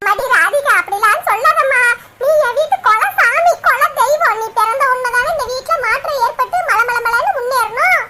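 A woman's voice: extremely high pitch, lively intonation, moderate pace, pushed and bright, full character voice. Woman doing a fretful, doting cartoon mother. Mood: soothing. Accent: Kanyakumari Tamil. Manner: soothing, lamenting. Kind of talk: cartoon voice acting.

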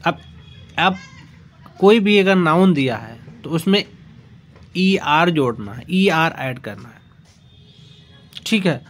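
A male teacher giving an exam-prep grammar lesson, explaining slowly and repeating himself, spelling out letter by letter. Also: a little high, lively intonation, slight background noise. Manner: slow, repetitive explaining, spelling words out letter by letter.

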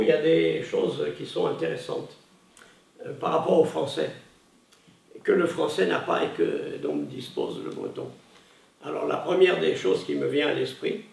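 A man gives a conference talk, pausing often on fillers and circling back to restart his sentences. His voice is strongly gravelly and a little high, with lively intonation. He is heard from some distance across an echoey hall. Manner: hesitant, many fillers and restarts. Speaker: conference speaker. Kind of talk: public lecture. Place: lecture hall. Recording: echoey room, voice from afar.

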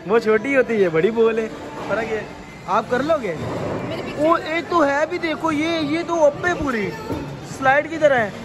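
A young man talks casually with a joking, helpful manner, giving quick pointers. His voice sits high for a man. Crowd chatter carries clearly behind him. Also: music in the background. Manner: joking, instructive when showing bowling. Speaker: vlogger's brother. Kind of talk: casual chat. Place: car, then indoor bowling alley. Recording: crowd noise in the background.

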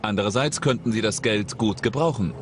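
A man reading scripted documentary narration in a studio voice-over, with a measured, suspenseful delivery. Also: lowish voice, heavy background noise. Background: dramatic music.

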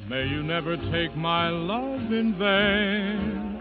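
A male band singer crooning a slow ballad, heard through an old, muffled AM radio sound over a dance band. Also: sits high, steady tone. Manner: smooth sustained crooning. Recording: muffled 1940s record over loud band. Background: loud dance band music.

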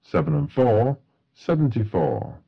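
A man's voice: mid-range voice, sing-song, a little slow, vocal fry, muffled recording. A man working as a bingo caller, announcing numbers in set phrases with a matter-of-fact delivery.

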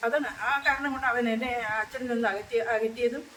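An older woman, a care home resident, telling her story in an emotional interview, halting and grieving as she repeats herself. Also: a little high, fairly even intonation, a bit bright, slight background noise.

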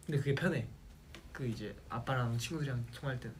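Speaking at a medium pitch, a young South Jeolla man in an idol group chats with fans on a livestream, telling stories and reading out a list at a quick, chatty clip. Slight background noise fills the small indoor room with its plain wall.

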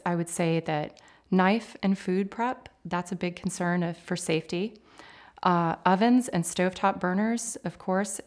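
A woman in her forties, an occupational therapist, explaining things in a clear, measured, instructive way in a home kitchen. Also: on the low side, a little mellow. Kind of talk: explanatory interview talk.

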